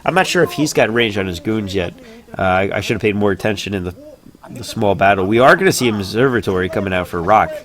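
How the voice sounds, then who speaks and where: A man giving casual solo play-by-play commentary on a live game stream, chatty and laid-back between plays, rising to excited shouts on big moments, with hiccups now and then. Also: fairly low pitch, fast. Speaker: esports caster.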